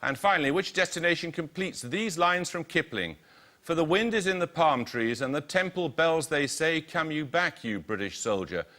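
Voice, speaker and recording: A man hosting a quiz show, reading out questions and team introductions with crisp precision. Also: a little high, expressive, moderate pace, sharp tone.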